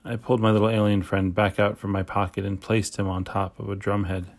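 A man narrating a children's chapter book aloud, telling the story in the first person. His voice sits on the lower side. The storytelling is steady and plain. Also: brisk, a little hiss or hum. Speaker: audiobook narrator.

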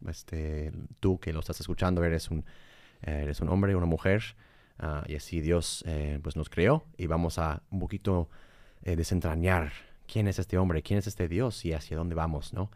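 Man, low pitch, halting conversational delivery, religious podcast, dry recording. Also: fairly even intonation, a little mellow, dry recording. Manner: halting, searching for words. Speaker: podcast co-host. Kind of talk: conversational religious discussion with scripture reading.

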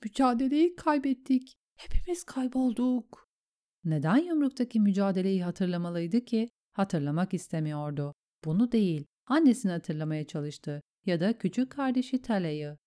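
A woman narrating a fantasy story in a steady, measured way. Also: lowish voice. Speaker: audiobook narrator. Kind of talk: scripted narration.

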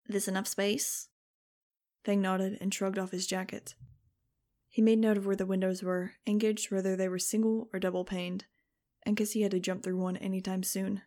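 A woman reading an audiobook aloud in steady scripted narration. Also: mid-range voice, normal speed. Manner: steady, even storytelling.

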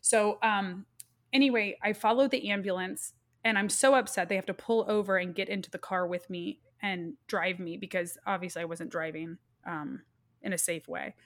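A woman in her thirties, a guest speaking earnestly and haltingly as she recounts a personal loss. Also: medium pitch, fairly even intonation, a bit bright. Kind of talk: emotional personal storytelling.

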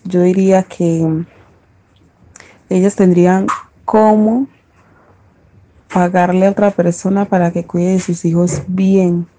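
A woman from Medellín with a Paisa Colombian accent, recalling her childhood in an unhurried, reflective personal testimony. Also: lowish voice, mellow. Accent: Paisa Colombian Spanish. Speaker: interviewee, daughter of a domestic worker.

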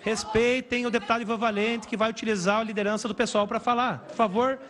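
A man chairing a heated parliamentary session, exasperated and talking over shouting. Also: high-pitched, fairly even intonation, fast talker. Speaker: committee chair. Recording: loud crowd noise in a chamber.

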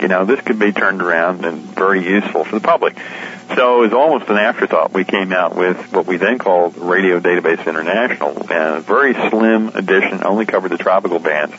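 A low-pitched, slightly bright male voice comes through a dull, lo-fi radio interview line with slight background noise. He is the publisher and editor of a shortwave radio guide, explaining things in a conversational way with informal asides.

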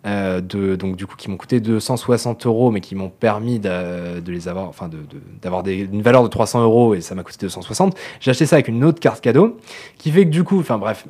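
A man co-hosting a casual podcast, talking quickly and acting out the people in his stories. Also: lowish voice, husky. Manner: animated, tells anecdotes acting out quoted dialogue. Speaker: podcast co-host.

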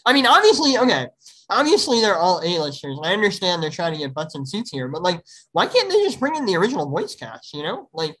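A man's voice: sits high, huge pitch swings, fast, a bit bright, poor audio. A young man hosting a casual podcast, upbeat and chatty with lots of fillers and laughter. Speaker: podcast host.

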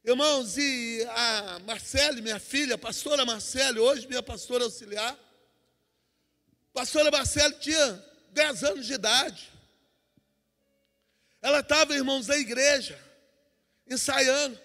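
A man preaching a testimony sermon in a church, moving between hushed storytelling and shouted preaching. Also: very high voice, unhurried, pauses often. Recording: church hall reverb.

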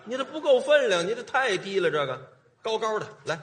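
A man doing stage crosstalk comedy, firing back quick indignant comebacks. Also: high-pitched, sing-song, fairly bright tone. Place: stage before an audience.

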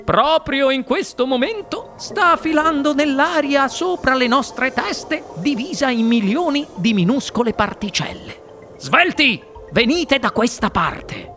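A man reading an audiobook, voicing an eccentric male chocolate-factory owner who shouts theatrical, commanding exclamations. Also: extremely high pitch, animated, takes it slowly, soft background music, voice pushed up, full character voice. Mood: excited.

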